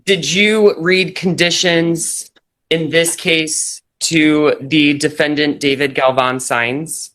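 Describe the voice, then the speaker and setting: A man's voice: a little high, steady tone, sharp tone. Formal man prosecutor reading charges in court, courtroom recording. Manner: formal, measured legal phrasing.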